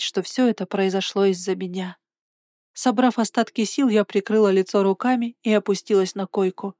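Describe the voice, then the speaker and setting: A woman narrating a first-person fantasy story in a steady, dramatic reading. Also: mid-range voice, no room sound, clean studio sound.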